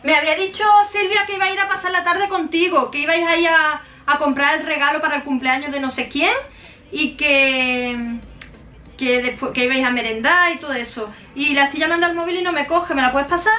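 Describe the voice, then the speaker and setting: A woman's voice: sits high, fairly even intonation, a little fast, bright, forceful tone. A middle-aged woman chatting casually and playfully in a bedroom, a little away from the microphone. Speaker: mother co-hosting a prank video. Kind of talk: casual chat. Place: small bedroom, indoors. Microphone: camera a short distance away. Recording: echoey bedroom, distant mic, faint music.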